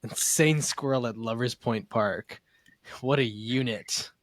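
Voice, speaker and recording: Young male podcast co-host, mid-pitched voice, dry close sound, wry jokey delivery. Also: dry recording. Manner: wry, jokey, quick asides. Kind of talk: casual chat.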